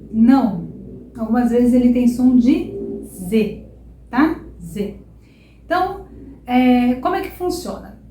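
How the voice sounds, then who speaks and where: A Brazilian woman teaching a Portuguese lesson online, repeating example words slowly and checking in with "tá?" and "ok?". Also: sits high, reverberant, background noise. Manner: slow, drawn-out repetition of example words; checks in with frequent "tá?" and "ok?".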